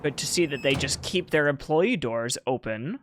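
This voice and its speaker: A man's voice: mid-range voice, animated, moderate pace, fairly bright tone, no echo. A man casually commenting while streaming a game, joking and swearing in reaction.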